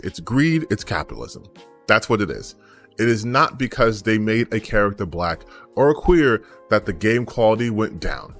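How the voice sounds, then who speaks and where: A lowish-voiced American man rants straight to his audience, blunt and exasperated. He talks casually, swears freely and keeps hammering home rhetorical questions, with soft music playing faintly behind him. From United States. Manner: emphatic, blunt and frustrated, with repeated rhetorical questions. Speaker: gaming YouTuber. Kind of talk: unscripted opinion rant to camera.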